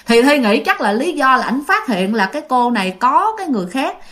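A woman with a Southern Vietnamese accent tells ghost stories in a relaxed, chatty way and keeps addressing her listeners. Her voice is fairly high and very lively in pitch. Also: brisk. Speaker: ghost story narrator. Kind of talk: casual storytelling to listeners.

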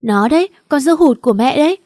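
A shrill, sobbing young woman who plays the victim, wailing her complaints in a high voice, as a female reader puts her on. The voice is warm and close, recorded dry for a storybook audiobook. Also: expressive, quick pace, dry recording. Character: whiny pregnant young woman, spiteful bully.

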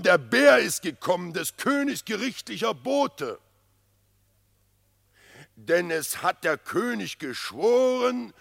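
Braun, a slow, gravelly, pompous bear. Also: male voice, high-pitched, fairly bright tone, no echo, studio quality, long reverb tail, full character voice. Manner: declamatory, pompous, threatening. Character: proud, boastful bear, royal messenger, easily fooled. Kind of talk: classic German radio play acting.

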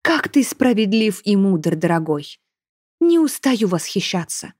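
A woman's voice: mid-range voice, sing-song, a little slow, darkish tone, no room sound, clean studio sound. A woman voicing a scheming young stepmother who speaks in a syrupy, haughty way. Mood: sugary. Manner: syrupy, mock-sweet, haughty.

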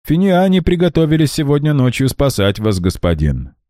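Man doing an excitable young accomplice. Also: on the high side, moderate pace, no room sound, clean studio sound, voice pushed up. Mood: alarmed.

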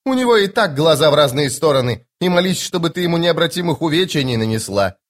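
A man voicing a sharp-tongued, tough female corporal in an audiobook, scolding and sarcastic. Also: on the high side, very animated, fast talker. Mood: commanding. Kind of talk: audiobook character voice.

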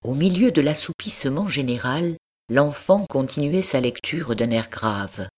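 A woman reading a classic story aloud as an audiobook narrator, in a measured, descriptive way. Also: rumbling low, expressive, a little mellow, husky. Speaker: audiobook reader. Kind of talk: scripted narration.

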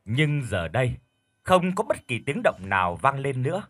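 A man narrating a horror audiobook in a calm, measured storytelling voice. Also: medium pitch, dry recording.

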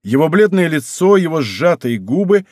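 A man narrating a historical novel in a measured, subdued storytelling manner. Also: on the high side, sing-song, darkish tone, dry recording, clean studio sound. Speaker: audiobook narrator. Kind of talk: scripted narration.

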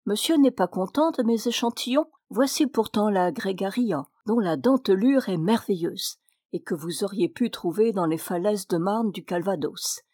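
A woman's voice: mid-range voice, animated, normal speed, a little mellow, no echo, studio quality, close to an everyday voice. A woman voicing a tiny, pedantic old hunchbacked gnome who collects fossils, fussing over Latin names.

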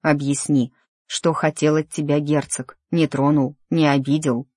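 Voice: mid-range voice, little pitch movement, a little mellow, no echo, clean studio sound, close to an everyday voice. Stefan, reader voicing a tense, stubborn nobleman. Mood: insistent. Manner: restrained, clipped, slow. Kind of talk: audiobook character dialogue.

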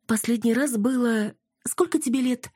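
A woman reading an audiobook, voicing a flustered, theatrical older mother who is an actress, in a high, dramatic and indignant manner. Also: normal speed, a little mellow, slightly rough, dry recording, clean studio sound.

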